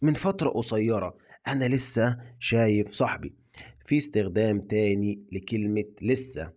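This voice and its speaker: A man with an Egyptian accent teaching his dialect, repeating example sentences slowly and clearly for learners. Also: fairly low pitch, lively intonation, darkish tone. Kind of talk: slow, repetitive language lesson.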